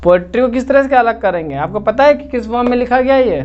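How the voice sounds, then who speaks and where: A man's voice: very high-pitched, fast talker, darkish tone, highs cut off. A man teaching literature in a lecture video, explaining step by step and often checking that students follow. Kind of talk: classroom-style lecture video.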